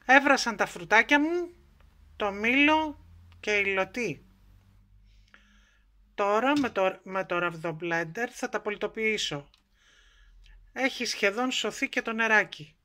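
A woman with a Greek accent hosting a home cooking video, calmly explaining each step in her kitchen. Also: mid-range voice, long pauses. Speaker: cooking show host.

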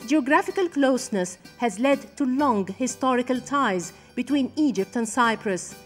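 A woman giving scripted documentary narration in a steady, formal reading. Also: fairly high pitch, moderate pace, faint music behind.

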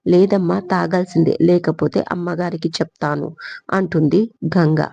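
A woman storyteller with a low, gravelly, mellow voice reads a romance aloud, giving every character's lines in her own plain voice. The recording is dry and close, with a dull, lo-fi sound. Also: fairly even intonation, normal speed, no echo. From India. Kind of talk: scripted story narration.

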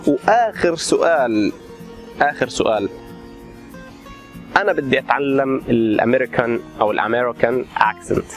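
A man, an architect vlogger, explains casually and drops English terms into his talk with lively everyday examples. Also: medium pitch. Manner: mixes English terms into Arabic.

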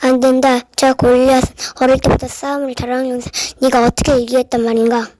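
A woman plays a grave, authoritative king in a children's Bible play. The voice is high for a ruler and recorded dry, with formal, weighty phrasing. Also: flat delivery, quick pace, darkish tone, no room sound, natural voice, rough recording. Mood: doubtful. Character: solemn, doubtful, then blessing king, adult man.

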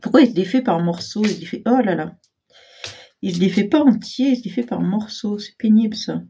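A woman hosting a casual crafting tutorial, chatty and self-deprecating, full of fillers and clearing her throat often. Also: medium pitch, animated, brisk, mellow, highs cut off, slight background noise. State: frequent throat clearing, frog in throat. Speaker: crafting channel host.

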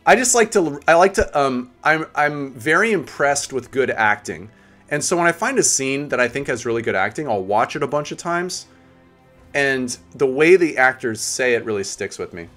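A man's voice: medium pitch, lively intonation, normal speed, fairly bright tone, soft background music. A man streaming a game, chatting casually with viewers, laid-back, swearing and laughing often. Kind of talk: casual live-stream chat.

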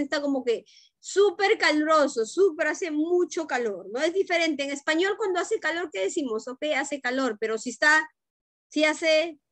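A woman's voice: sits high, a bit bright, dry recording. A woman teacher leads an online class, correcting students' pronunciation and checking in often. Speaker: English teacher. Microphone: video call.

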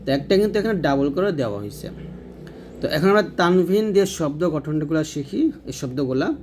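A man with a Bangladeshi Bengali accent and a fairly high voice, teaching a recitation lesson. He talks briskly, naming each letter and mark before sounding it out. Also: expressive, a little mellow, slight background noise. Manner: brisk, spells letters then sounds them out. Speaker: Quran reading teacher.

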